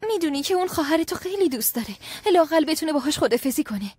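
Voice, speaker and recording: Golru, a scheming young wife. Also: female voice, high voice, expressive, a little mellow, no echo, faint music behind. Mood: soothing. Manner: cool and taunting with the servant, soothing with her husband. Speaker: new lady of the house, Jahan's wife. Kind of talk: Persian dubbing of a TV drama.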